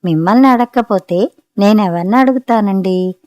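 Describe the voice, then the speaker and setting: A woman's voice: mid-range voice, moderate pace, mellow, no room sound, studio quality, natural voice. A woman reader voicing a playful, stubborn young wife who coaxes and wheedles, in a storybook reading. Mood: coaxing. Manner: coaxing, wheedling.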